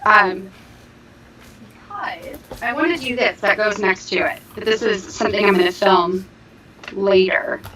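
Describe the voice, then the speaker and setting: A woman's voice: mid-range voice, measured pace, slight background noise. A woman co-hosting a casual livestream chat, easygoing and chatty, her voice echoey over a remote call. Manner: easygoing, chatty, with soft laughs. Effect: echoey sound reported by viewers. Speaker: livestream co-host, crafter. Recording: echoey, dull online call audio.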